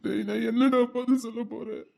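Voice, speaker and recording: A man's voice: very high voice, flat delivery, brisk, gravelly, darkish tone, exaggerated voice. A man playing a sobbing, grieving retired soldier. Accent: Tirunelveli Tamil. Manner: sobbing, pleading apologies. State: crying. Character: grieving retired soldier mourning a dead friend. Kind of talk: web series drama acting.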